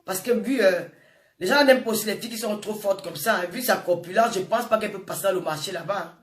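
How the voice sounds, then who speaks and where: Talking fast in a mid-range voice, a social media personality in her forties with a Francophone African accent scolds her viewers emphatically. Her impassioned, informal monologue leans on repeated phrases, and the recording has an echoey room and a distant mic.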